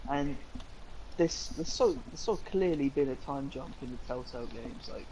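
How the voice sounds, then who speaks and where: A man's voice: mid-range voice, moderate pace, mellow, slight background noise, low-quality recording. A young man, co-hosting a casual live-stream chat, rambling eagerly with lots of fillers. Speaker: co-host.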